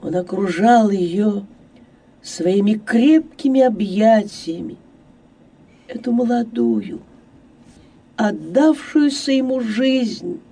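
A narrator reads a classic novel slowly and expressively, the voice dark and mellow. The tone is husky with a gravelly edge. The recording sounds distant from the mic. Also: medium pitch. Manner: slow, expressive literary reading. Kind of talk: audiobook reading of a classic novel.

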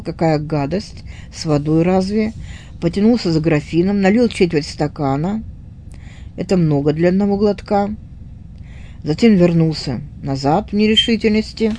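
A woman's voice: lowish voice, mellow, slight background noise. A woman retelling a story aloud in her own words, unscripted, with small fillers and restarts.

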